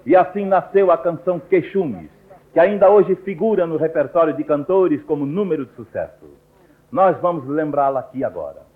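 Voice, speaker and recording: A man with a Brazilian Portuguese accent, narrating a radio program in a solemn, measured storytelling manner. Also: fairly high pitch, animated. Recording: narrow, tinny old radio recording.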